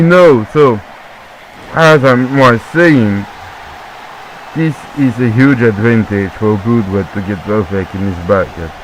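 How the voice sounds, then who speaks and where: A man whose first language is French, doing excitable play-by-play wrestling commentary with jokey asides and repeated calls. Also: mid-range voice, a little hiss or hum, low-quality recording.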